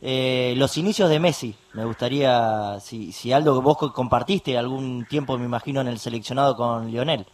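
A man's voice: mid-range voice, normal speed, hardly any pauses. A man with an Argentine accent, co-hosting a radio show and cutting in with polite, apologetic questions. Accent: Argentine Spanish. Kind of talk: radio interview.

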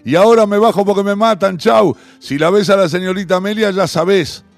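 A man voicing a cheeky blond boy shouting over a wall, with a Rioplatense accent. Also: high-pitched, brisk, vocal fry, soft background music, pitched above the performer's own voice. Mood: stubborn, teasing. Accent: Rioplatense Spanish. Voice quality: loud, insistent, teasing.

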